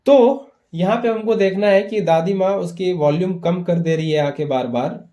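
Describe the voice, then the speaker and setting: A male physics teacher with a slightly higher-pitched voice walks through an exam-prep lesson one step at a time. He slips English terms into Hindi and keeps checking that his students follow along. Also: normal speed, warm tone. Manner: explains step by step with repeated "है ना" checks.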